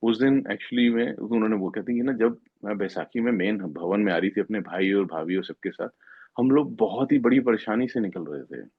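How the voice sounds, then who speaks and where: A man's voice: lowish voice, animated, brisk, slightly rough, no echo. Earnest middle-aged man, tinny phone sound. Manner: earnest retelling that acts out quoted speech, mixing in English. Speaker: devotee sharing a testimony. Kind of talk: satsang storytelling testimony.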